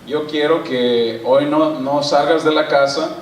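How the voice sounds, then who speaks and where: A man's voice: fairly high pitch, steady tone, a little slow, recorded from a distance, lightly acted. A man voicing a cheerful husband who sweet-talks his wife in a sermon joke, with a playful, coaxing tone. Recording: echoey church hall, mic from afar.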